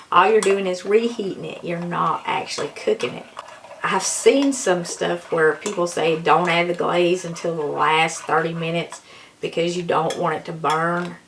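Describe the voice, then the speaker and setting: A woman gives a folksy, casual cooking tutorial in a hoarse voice that is giving out. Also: lowish voice, a little hiss or hum. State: hoarse, losing her voice. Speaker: home cook presenting a recipe.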